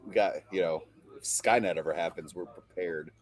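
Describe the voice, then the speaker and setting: A man with a low voice at normal speed co-hosts a casual chat about tabletop wargaming. He's playful, telling stories and joking around.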